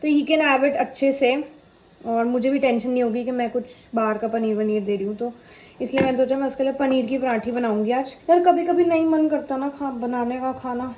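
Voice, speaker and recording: A woman's voice: moderate pace, warm tone. A young woman vlogging at home as a mother, chatting casually and mixing in English words. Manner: chatty, switches to high sing-song voice with her child. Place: home kitchen. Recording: echoey room with faint household noise.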